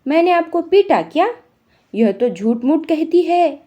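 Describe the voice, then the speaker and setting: A woman's voice: sits high, expressive, measured pace, warm tone, pitched above the performer's own voice. A woman voicing an innocent, cheeky young boy in a storybook reading. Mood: indignant.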